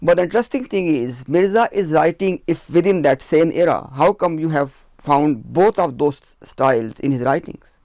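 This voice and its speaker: A researcher of religious literature with a somewhat high, slightly mellow voice explains at length on a discussion panel, methodically counting off his points one by one. He speaks firmly, emphatically and expressively at normal speed. The sound is dry and close, with no echo.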